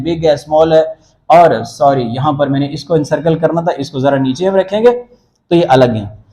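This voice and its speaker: A man's voice: a little high, mellow, poor audio. A male teacher giving a grammar lecture, explaining step by step, repeating words and mixing in English phrases. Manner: repeats words to drill them.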